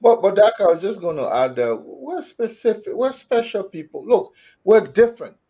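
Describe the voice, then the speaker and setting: A man's voice: sits high, sing-song, normal speed, dark tone, slightly rough. A man with a Liberian accent explaining things conversationally in a talk show discussion, often repeating his phrases. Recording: dull lo-fi audio.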